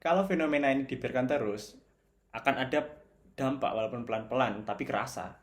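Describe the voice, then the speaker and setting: A young man from Java speaks with a clear Javanese accent in a relaxed, reflective commentary, easily switching between Javanese, Indonesian and bits of English. His voice sits at an ordinary middle pitch. A faint noise runs underneath the recording. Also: a little fast. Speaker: video essayist.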